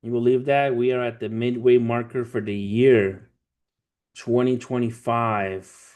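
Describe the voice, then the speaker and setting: A trader in his thirties hosts a livestream, telling stories and giving his viewers motivational talk. His mid-range voice is steady, a little slow and darkish, and his informal speech is full of street slang and swearing as he calls his audience family.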